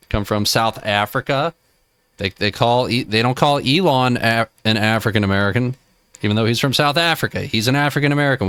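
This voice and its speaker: A low-pitched man with a smooth, resonant voice, commenting casually on a clip he is watching. He rambles through his points with little asides, recorded close and dry on a desk mic. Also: fairly bright tone, no echo. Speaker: reaction video host.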